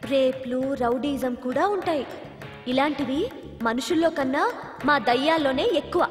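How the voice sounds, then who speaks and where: A woman's voice: high-pitched, lively intonation, normal speed. An actress playing a greedy, demanding young female ghost who talks in a cheeky, bossy way in a film comedy. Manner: cheeky and bossy, reels off food orders. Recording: film audio with reverb and music.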